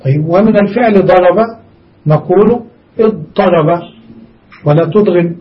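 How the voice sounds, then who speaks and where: High-voiced man teaching from off-mic. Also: a little slow, distant mic. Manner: explains step by step, repeats examples, asks students questions. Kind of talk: grammar lesson. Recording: dull recording from off-mic.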